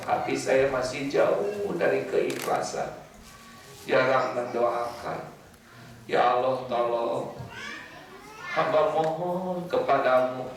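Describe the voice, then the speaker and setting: A man speaking the soft, pleading prayer of a humble mother for her child, heard from far off in an echoey hall. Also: mid-range voice.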